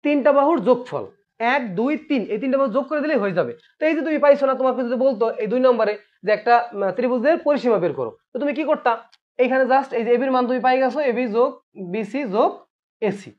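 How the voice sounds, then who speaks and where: Man, math teacher, patient, repeats questions, classroom, muffled lo-fi sound. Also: very high-pitched. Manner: patient, asks students questions and repeats points. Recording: dull lo-fi recording.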